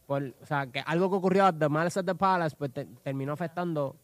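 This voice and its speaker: Dry-voiced sports co-host. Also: male voice, a little high, fast talker, no echo. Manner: detailed, mixes in English terms. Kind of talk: casual sports talk.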